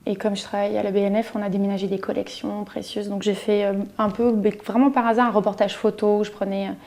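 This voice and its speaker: Mellow chatty woman in her thirties. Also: medium pitch, level tone, quick pace. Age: 30s. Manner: chatty, frank and self-mocking. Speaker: interviewee. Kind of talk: casual talk while emptying her handbag.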